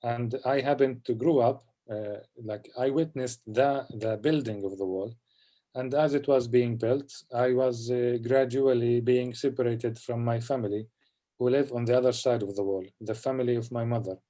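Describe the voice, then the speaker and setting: A film director from Palestine answering questions in a festival Q&A over a video call. He speaks in a reflective, halting way and often adds "you know". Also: medium pitch, steady tone, mellow. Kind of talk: festival Q&A conversation.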